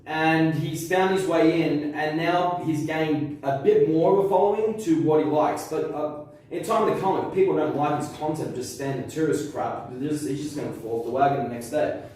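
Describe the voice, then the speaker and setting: A man's voice: fairly high pitch, moderate pace, a little mellow, a little hiss or hum. Echoey, distant young man. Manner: rambling, swears casually. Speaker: interview guest. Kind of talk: casual interview. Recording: very echoey room from far off.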